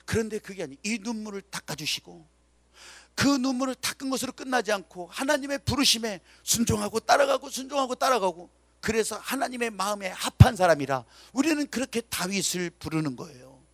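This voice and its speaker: Give me a high-pitched man preaching an emphatic, story-driven sermon with a dry, close sound. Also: animated, a little fast, no room sound. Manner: dramatic storytelling, acts out quotes; emphatic, calls for amens. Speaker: pastor.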